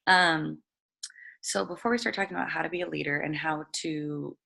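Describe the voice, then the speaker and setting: A young woman with a raspy voice giving a casual motivational training talk to her team, chatty with many pauses and restarts. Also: low voice, pushed and bright.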